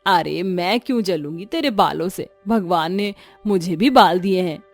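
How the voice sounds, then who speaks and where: A woman voicing a sharp-tongued middle-aged mother-in-law who scolds and mocks in an animated storybook. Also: lowish voice, soft background music. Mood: scolding. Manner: scolding, quick to anger.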